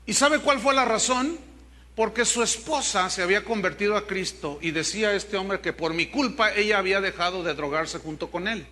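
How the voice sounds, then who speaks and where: A man's voice: high-pitched, normal speed, sharp tone, slight background noise. An older man from Mexico with a Mexican accent, a pastor preaching a sermon and telling stories with humor to his congregation. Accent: Mexican Spanish. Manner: storytelling preacher, jokes with the congregation.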